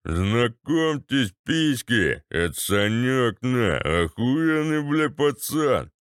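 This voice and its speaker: Brief: swaggering drunk ex-paratrooper, voiced by a man, bassy and crude, slow and smooth. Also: very animated, no echo, clean studio sound. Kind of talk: audiobook character voice.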